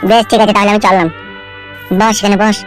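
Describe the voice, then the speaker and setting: A woman voicing a blunt, scheming middle-aged man in a comic cartoon, with a lowered, gruff voice. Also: level tone, quick pace, natural voice. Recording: background music.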